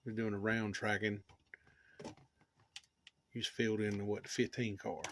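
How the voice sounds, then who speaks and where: A middle-aged man hosting a casual chat in his home hobby shop, excitable and swearing a lot as he exclaims over things. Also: lowish voice, moderate pace, slight background noise. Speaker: channel host.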